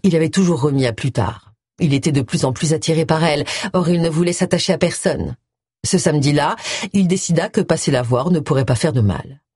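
An audiobook reader doing scripted narration with an expressive, lively delivery. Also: mid-range voice, brisk, breathy edge, no room sound, clean studio sound.

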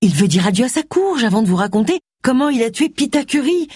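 A narrator voicing a brisk, headstrong middle-aged woman detective. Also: medium pitch, big pitch swings, a little mellow, slightly rough, dry recording, studio quality, voice pushed up. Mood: firm.

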